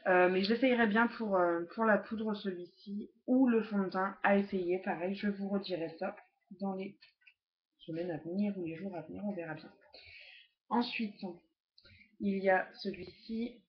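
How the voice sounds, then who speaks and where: A woman's voice: medium pitch, fairly even intonation, moderate pace. Chatty woman on a lo-fi webcam. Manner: hesitant, many fillers and restarts, chatty. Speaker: beauty vlogger. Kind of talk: casual makeup haul review. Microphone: laptop webcam. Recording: lo-fi laptop webcam audio.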